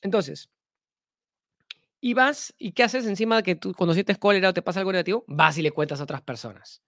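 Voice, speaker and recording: A spiritual teacher with a high-pitched, brisk, slightly bright voice speaks to an audience, repeating himself for emphasis and asking rhetorical questions. He is earnest, with sudden emphatic swings. The studio recording is clean, with no room sound.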